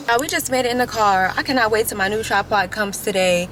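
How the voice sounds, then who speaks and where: A woman's voice: medium pitch, fast talker, a bit bright, slight background noise. A young woman vlogging casually as a mom, blunt and playful, full of slang, talking to her viewers. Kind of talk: casual chat. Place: car and store. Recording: music playing under the voice.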